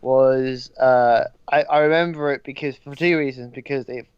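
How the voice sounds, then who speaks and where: A man's voice: medium pitch, fairly even intonation, normal speed, clean tone, dry recording, lo-fi sound. A young man, a podcast guest, talking casually with lots of ums and the odd swear word.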